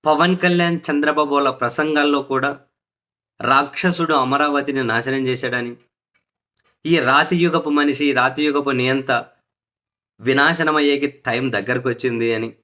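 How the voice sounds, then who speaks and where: A man's voice: medium pitch, pushed and bright. A man delivering opinionated political commentary, sarcastic and indignant, hammering points home by repeating phrases.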